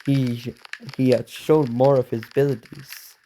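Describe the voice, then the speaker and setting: A man reading a story aloud in a halting way, correcting himself and breaking off for quick reactions. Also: medium pitch, level tone, warm tone, slight background noise. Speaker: reaction video host.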